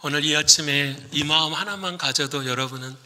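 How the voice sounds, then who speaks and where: A man preaching a sermon as a pastor, asking the congregation questions and answering them, moving from loud exhortation to hushed whispers. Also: a little high, fairly quick, big-room sound.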